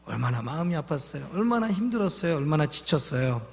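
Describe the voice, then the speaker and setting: Fast and a little high, with big pitch swings and vocal fry, a pastor's voice rings through a large church sanctuary. He delivers an emotional sermon full of stories and questions for the congregation.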